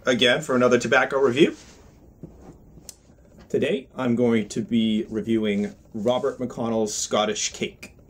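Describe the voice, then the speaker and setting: A man giving a casual product review as a pipe tobacco reviewer, talking in a halting, deliberate, thoughtful way. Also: mid-range voice, a little mellow, husky.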